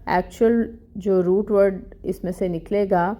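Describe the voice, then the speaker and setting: A woman teaching tajweed in an online lesson, explaining each rule plainly and reciting verses slowly and drawn out. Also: mid-range voice, steady tone, warm tone. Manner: explains rules plainly, mixing in English words.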